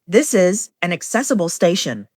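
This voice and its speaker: A woman reads scripted station announcements in an airport-announcer style. Her voice sits slightly low and has a husky edge, with clear rises and falls in pitch. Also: very animated, moderate pace, a little mellow, no echo, studio quality.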